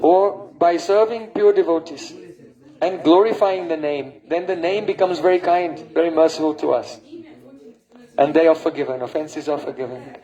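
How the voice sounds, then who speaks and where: Guy with a pretty high voice teaching a devotional class, keeps going "hmm?" and "huh?" at the crowd, sometimes breaks into chanting. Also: steady tone, normal speed, mellow, rough recording. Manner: checks in with listeners by asking "hmm?" and "huh?"; breaks into sung and chanted verses. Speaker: spiritual teacher. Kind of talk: devotional lecture.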